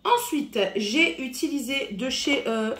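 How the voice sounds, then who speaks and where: A woman from France talks through her makeup favorites to camera in a loose, rambling way, full of little hesitations. Her voice has a slight husky roughness, and the sound bounces around an echoey room. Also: mid-range voice, normal speed. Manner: chatty, hesitant, many fillers, shows products. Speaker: beauty vlogger. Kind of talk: casual makeup review to camera.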